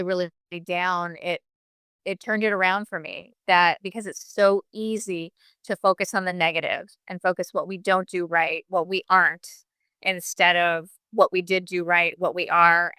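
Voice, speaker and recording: A woman coach sharing advice in a motivational talk, gentle and sincere with a few fillers. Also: on the low side, clear, resonant tone, no room sound. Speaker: resilience coach.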